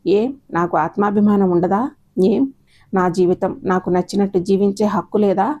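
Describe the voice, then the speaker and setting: A hurt young wife lists her grievances with indignant defiance, as a woman reads her lines. The voice is mellow and fairly even, told in storybook fashion. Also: mid-range voice, normal speed, muffled recording, lightly acted. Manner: complaining, indignant. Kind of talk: storybook narration, acted dialogue.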